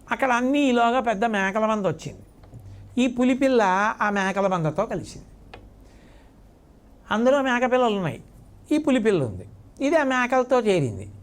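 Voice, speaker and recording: A man giving a devotional sermon, telling a story vividly and repeating words for effect. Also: sits high. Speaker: spiritual discourse speaker.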